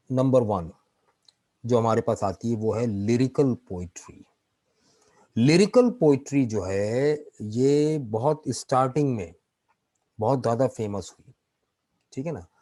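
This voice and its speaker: A man's voice: mid-range voice, dark tone, no echo, rough recording. A man teaching an online literature class. He explains patiently, mixes English terms into his talk, and keeps checking in with his students.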